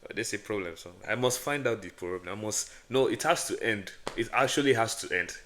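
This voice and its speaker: A man's voice: brisk, a bit bright, a little hiss or hum. A man with an African accent on a casual podcast, rambling and stammering as he questions himself. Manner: rambling and self-questioning, stammers, drops into a mock deep voice. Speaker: podcast co-host. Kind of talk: casual chat.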